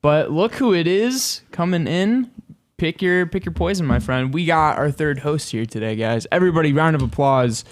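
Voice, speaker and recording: Smooth-voiced laid-back male host. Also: a little high, lively intonation, normal speed. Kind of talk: casual sports chat.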